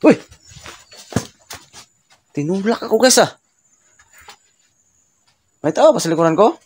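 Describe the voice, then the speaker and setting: A man hosts a ghost-hunting vlog, his voice jumping from hushed murmurs to sudden startled cries as he addresses something unseen. He keeps talking to his viewers and to the spirit. Faint noise hums behind him. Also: high voice, animated, takes it slowly. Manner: startled, jumpy exclamations, talks to an unseen spirit. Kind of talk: paranormal investigation vlog. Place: remote hut, at night.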